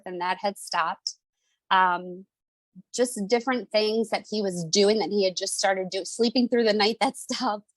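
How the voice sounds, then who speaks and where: A woman's voice: medium pitch, dry recording, poor audio. Earnest mother telling her story. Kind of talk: personal testimony on a call.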